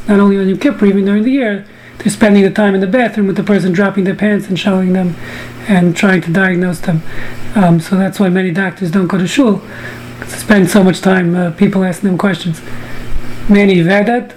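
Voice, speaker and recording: Teaching Talmud to an online group, this US woman keeps up jokes and banter with her students. Her voice sits at a medium pitch with a slightly mellow quality, though the audio is poor and has a bit of hiss or hum.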